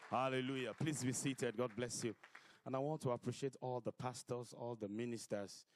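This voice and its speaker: A man preaching a fiery church sermon as a pastor, loudly exhorting his congregation with call-and-response. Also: medium pitch, fairly even intonation, moderate pace, no echo, some chatter behind. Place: church service before a congregation.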